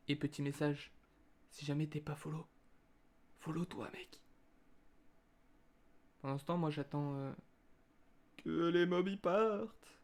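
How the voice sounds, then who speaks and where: A young man giving casual gameplay commentary, chatty and calm with excitable bursts. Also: fairly high pitch. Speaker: gaming video creator.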